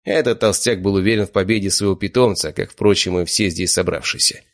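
Male audiobook narrator, very low voice, steady first-person telling. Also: brisk.

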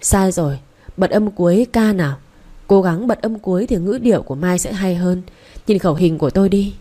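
A woman reading as a calm young man teaching patiently, speaking low and mellow in a storybook reading. He sounds steady, instructive and unhurried. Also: close to an everyday voice. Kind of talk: audiobook dialogue reading.

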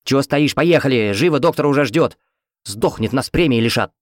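A man voicing a bossy, shrill older female head nurse who barks and scolds orders. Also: lively intonation, moderate pace, dry recording, clean studio sound, close to an everyday voice. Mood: scolding.

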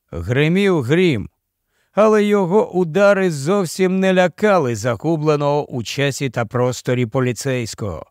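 A man narrates a dark crime novel at a measured, steady pace. His voice sits somewhat high for a man, recorded close on a dry studio mic with no room sound. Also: dry recording. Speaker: audiobook narrator. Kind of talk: dramatic audiobook narration.

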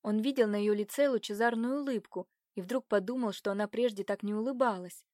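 Woman narrator, audiobook, measured even read, mid pitch, dry close mic. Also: no echo. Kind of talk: reading a romance novel aloud.

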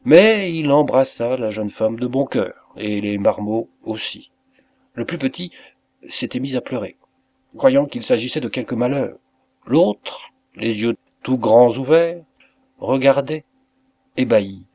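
A man narrating a literary story as an audiobook reader, with a measured, expressive delivery. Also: mid-range voice. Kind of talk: scripted narration.

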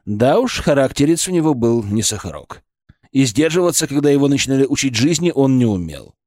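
Man, audiobook narrator, animated intonation, dry close sound, ironic storytelling. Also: mid-range voice, brisk, no room sound. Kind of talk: scripted narration.

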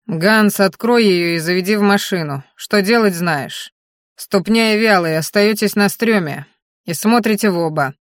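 A woman's voice: mid-range voice, normal speed, no room sound, studio quality, lightly acted. A woman reading the part of a stern, suspicious gang boss, curt and demanding. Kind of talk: audiobook character voice.

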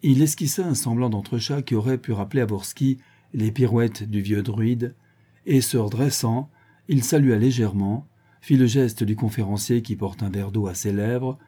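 A man reading a novel aloud as an audiobook narrator, calm and measured. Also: medium pitch, breathy edge.

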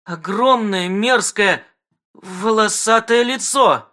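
A man voicing a hysterical, offended wife with shrill, sobbing outbursts. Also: moderate pace, pushed and bright, exaggerated voice. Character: Cluster, grown woman, hysterical offended wife.

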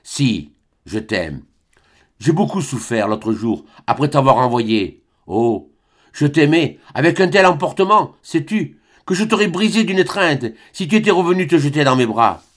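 A male audiobook reader voicing a weary young man, a former priest, speaking in a calm, even, subdued voice. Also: on the high side, moderate pace. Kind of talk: audiobook character reading.

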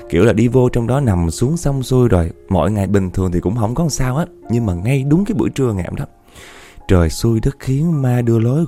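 A man telling a ghost story, animated, repeating words for effect and speaking straight to his listeners. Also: fairly low pitch. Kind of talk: spoken ghost story narration.

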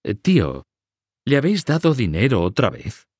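A man's voice: mid-range voice, huge pitch swings, normal speed, a little mellow, no room sound, voice pushed up. A man voicing a young nephew who sounds hesitant and mildly reproachful. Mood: reluctant. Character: young male nephew, reluctant and dutiful.

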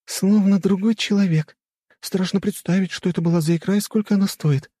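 A man reading an audiobook voicing a young woman student, defiant and flustered, with a high, breathless delivery and sharp outbursts. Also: steady tone, brisk, breathy edge, dry recording, studio quality. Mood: wondering. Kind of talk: audiobook character voice.

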